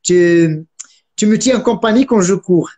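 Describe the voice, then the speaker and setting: A man's voice: high-pitched, a little slow. A man hosting a live online interview, effusive and full of praise for his guest. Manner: warm, effusive, full of compliments. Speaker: host.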